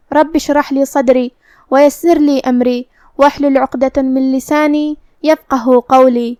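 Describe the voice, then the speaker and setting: A woman teacher gives a methodical recitation lesson, breaking each word down into its letters and how to pronounce them. Her voice sits high in her range. The sound is dry and close to the mic. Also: darkish tone, no echo. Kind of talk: recorded tajweed lesson.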